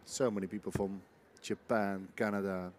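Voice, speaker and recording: A man's voice: low-pitched, little pitch movement, moderate pace, a little mellow. A man giving chatty live commentary on darts as one of two commentators. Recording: faint venue noise behind.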